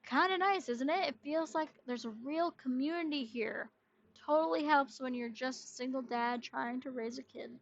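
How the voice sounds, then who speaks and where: A woman's voice: high-pitched, normal speed, vocal fry. A woman voicing a friendly suburban neighbor dad in a game, reading his lines in a chummy, upbeat way. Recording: dull lo-fi sound.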